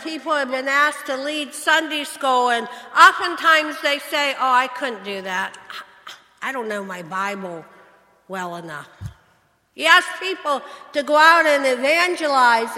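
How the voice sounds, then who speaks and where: A woman pastor preaches a sermon in a church sanctuary, her high-pitched voice sharp and earnest as she asks the congregation questions. The church microphone switches between mics, and the recording has a long reverb.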